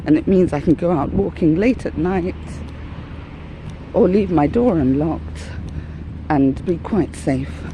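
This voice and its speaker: Speaking slowly in a lowish voice, a woman vlogs on a walk with her dogs, breathless and rambling with candid, dry humor. The recording is rough, with slight background noise and faint sounds of the outdoors.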